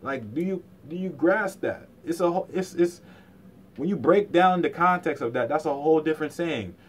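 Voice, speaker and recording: The speaker is a man with a slightly high, expressive voice at normal speed. His lecture is informal and colloquial, explaining things by emphatically repeating key phrases and throwing out rhetorical questions.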